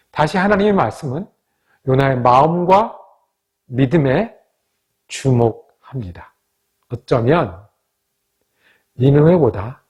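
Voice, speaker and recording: Husky-voiced pastor teaching Bible study. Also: male voice, on the high side, darkish tone. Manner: measured, asks the listeners questions.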